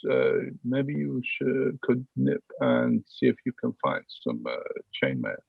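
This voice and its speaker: A disillusioned, hesitant soldier, acted by a man in a tabletop role-play. He speaks slowly and gropes for words. The voice is heavily creaky and raspy, in dull dry audio. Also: mid-range voice, very animated, no echo, exaggerated voice. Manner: halting, groping for words. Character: weary, hesitant, disillusioned male Bretonnian soldier. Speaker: game master.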